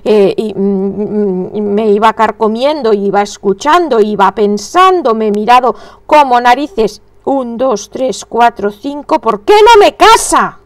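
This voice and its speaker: A woman talks through a crochet lesson in a relaxed, chatty way, often murmuring her stitch counts to herself. Her voice sits a little high. It is recorded close to the mic, with a dry sound and no room echo. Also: measured pace, few pauses. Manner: chatty, thinks aloud, counts stitches under her breath. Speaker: crochet instructor. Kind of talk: casual crochet tutorial.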